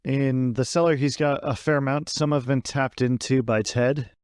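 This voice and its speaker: A man's voice: mid-range voice, steady tone, moderate pace, a little mellow, smooth, no room sound. A man running a tabletop game as game master, narrating scenes in a descriptive way.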